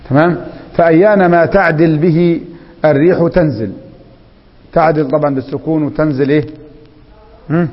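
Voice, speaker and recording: Man, Egyptian accent, classroom lesson, slow drawn-out recitation, dull lo-fi sound. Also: a little high, slightly rough. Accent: Egyptian Arabic. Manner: quizzing students, slow drawn-out recitation of examples. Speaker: Arabic grammar teacher. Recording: echoey hall, dull lo-fi sound.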